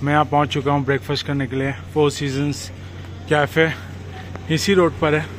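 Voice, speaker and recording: A man's voice: fairly high pitch, flat delivery, fairly quick, a little hiss or hum. Chatty young man vlogging on the go. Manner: mixes Hindi with English phrases, chatty and upbeat. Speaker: travel vlogger. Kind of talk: casual travel vlog. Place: outdoors on a hill-town rooftop and streets. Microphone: phone held at arm's length.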